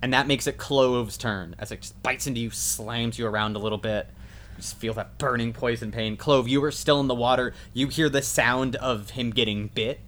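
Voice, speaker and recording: A man runs a tabletop game in an easygoing, rambling way, often stopping to correct a word. His voice sits at an ordinary middle pitch. A faint noise hangs under the recording. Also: steady tone, moderate pace, fairly bright tone. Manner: casual, self-correcting, laughs at own jokes. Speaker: game master.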